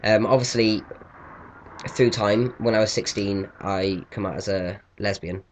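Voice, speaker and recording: Young man, low pitch, casual vlog storytelling, chatty, a bit sweary. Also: fairly even intonation, unhurried, a little hiss or hum. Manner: chatty, swears freely, acts out quoted reactions. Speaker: vlogger.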